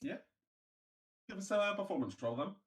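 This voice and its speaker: A man's voice: high-pitched, expressive, moderate pace. A man running a tabletop game as game master, narrating casually with blunt, sweary joking.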